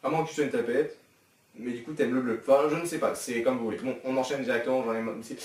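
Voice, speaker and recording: A young man giving sarcastic reaction commentary with a teasing, quick-witted manner. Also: mid-range voice, fairly even intonation, darkish tone. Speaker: reaction youtuber. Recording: echoey room, distant from the mic.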